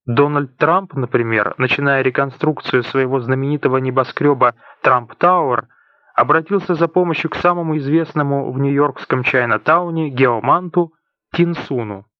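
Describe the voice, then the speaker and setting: Male audiobook narrator, mid-pitched, deliberate scripted read; dull, dry recording. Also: no room sound. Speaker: audiobook reader.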